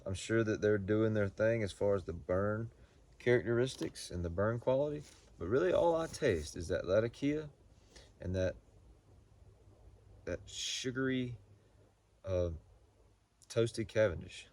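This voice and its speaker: A man giving a casual, unscripted product review in a halting, folksy way, often repeating words as he goes. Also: fairly low pitch, darkish tone. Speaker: pipe tobacco reviewer.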